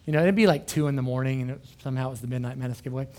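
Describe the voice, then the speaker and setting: A man's voice: medium pitch, racing, a little mellow. A man from Oklahoma, a youth pastor telling rambling, self-deprecating stories in a casual sermon to young people.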